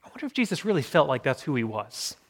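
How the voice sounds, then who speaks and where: Reflective male preacher with hushed pauses. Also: fairly high pitch, very animated. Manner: reflective, with slow dramatic pauses and hushed endings. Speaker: pastor. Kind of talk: sermon.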